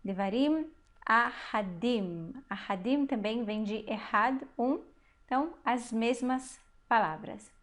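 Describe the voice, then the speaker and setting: A high-voiced Hebrew teacher leads a recorded online language lesson, explaining patiently step by step and stopping to ask the learner questions. She sounds out each new Hebrew word slowly and carefully.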